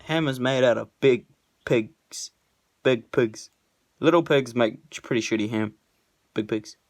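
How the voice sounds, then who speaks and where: A young man filming a casual unboxing vlog, excitable and swearing a lot, with loud bursts of delight. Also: medium pitch, measured pace. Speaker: vlogger. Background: music.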